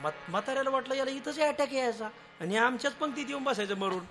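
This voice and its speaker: A man telling a devotional story as a kirtan preacher, animated and often laughing, a little unwell and slow on some words. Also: extremely high pitch. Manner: animated, acts out voices of villagers, laughs often. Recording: music behind the voice.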